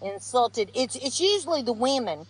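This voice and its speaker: A woman's voice: on the high side, animated, moderate pace, low-quality recording. A woman from the North Carolina mountains with an Appalachian accent, venting about politics in a blunt, scolding, folksy way on a live stream. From mountains of North Carolina, United States. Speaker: guest caller on a live stream.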